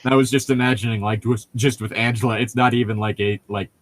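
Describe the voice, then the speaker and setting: A podcast co-host talks about a book in a casual, comedic chat, joking around and rambling into tangents as he corrects himself. His voice is mid-range and steady, and he speaks fast.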